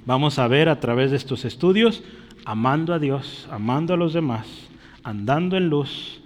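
Preacher in a reverberant hall. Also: male voice, medium pitch, expressive, normal speed. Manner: constant tag questions to the congregation; swings between loud emphatic peaks and quiet drops. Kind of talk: sermon. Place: church hall.

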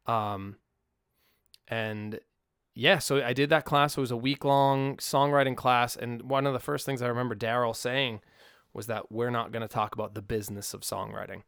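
Gravelly-voiced man hosting a podcast. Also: medium pitch, steady tone, normal speed, fairly bright tone, no room sound, clean studio sound. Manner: reflective and rambling, with many restarts. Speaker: podcast host. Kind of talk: casual solo podcast talk. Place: home studio in Nashville. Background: faint song playing under the talk.

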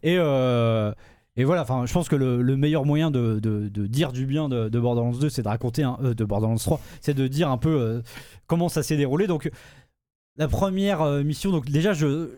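A man's voice: mid-range voice, lively intonation, moderate pace, mellow, no room sound, studio quality. A man on a podcast describing a game in casual chat, hesitant with many fillers and restarts. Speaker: podcast host reviewing a game.

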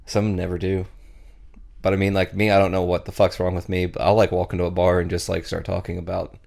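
A man's voice: deep voice, completely flat delivery, fast talker, gravelly, a little mellow. A man from southeast Kentucky with a faint Southern accent, co-hosting a podcast in crude, joking casual chat and laughing often. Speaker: podcast co-host.

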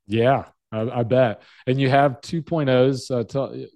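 A man's voice: mid-range voice, steady tone, unhurried, darkish tone. A man in his forties hosting a podcast, who asks questions in a friendly, encouraging way and now and then trips over his words. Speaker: podcast host. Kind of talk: casual interview talk.

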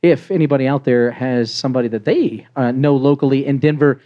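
A man's voice: mid-range voice, fairly quick, dull audio. An American man hosting a talk show, casually interviewing and making announcements to listeners. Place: press club before a small live audience.

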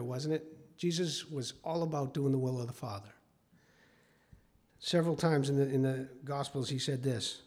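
A man's voice: on the high side, a little mellow. A man, the pastor, preaching a sermon in a conversational storytelling way, asking his listeners questions.

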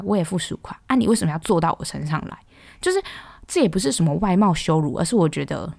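A young woman with a Taiwanese Mandarin accent, hosting a podcast and ranting in a casual, exasperated, animated way. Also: on the low side, no room sound. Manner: exasperated, animated, exclaims loudly. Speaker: podcast host.

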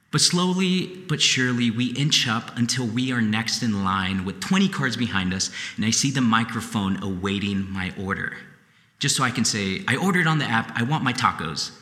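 A man preaching a sermon as a pastor, telling a story in a lively, conversational way. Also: medium pitch, reverberant, long reverb tail. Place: church hall.

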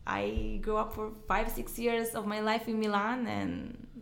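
A young woman from Ecuador, a guest YouTuber, chatting in a soft, hesitant way that trails off quietly. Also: on the high side, little pitch movement, unhurried, creaky, faint music behind. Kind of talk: casual interview chat. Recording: echoey room.

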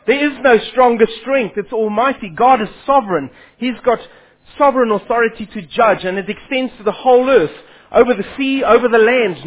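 A man with a high, breathy-edged voice preaches a Bible sermon, his speech marked as Afrikaans. He poses questions to his listeners and then answers them, heard through phone-like lo-fi sound.

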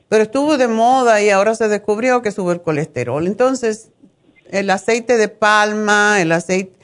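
Middle-aged female radio health host, mid-pitched, frank and opinionated, chatting familiarly with callers. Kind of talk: conversational call-in health advice.

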